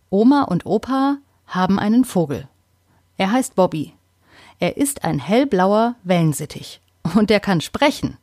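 A woman narrating a children's story in a calm, clear storytelling manner. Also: medium pitch, no echo, studio quality.

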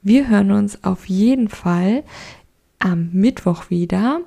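Slow, gravelly woman storyteller. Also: mid-range voice. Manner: calm, gentle, encouraging. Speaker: podcast host and storyteller. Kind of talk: short story reading and motivational talk.

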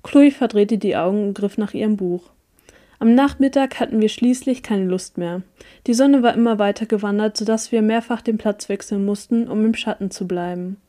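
Mellow-voiced woman reading a story. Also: mid-range voice, moderate pace. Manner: even, storytelling read. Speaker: audiobook reader. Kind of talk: first-person story narration.

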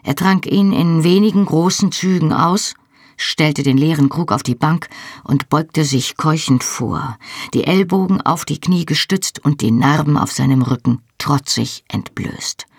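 Woman narrating a novel, gravelly voice. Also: low-pitched, no echo, clean studio sound. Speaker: audiobook narrator. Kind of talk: scripted first-person novel narration.

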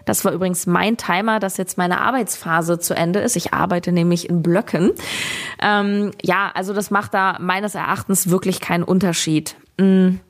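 A woman's voice: on the low side, steady tone, normal speed. A young woman, hosting a podcast and chatting casually through a one-pot recipe, rambling with many fillers. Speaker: podcast host.

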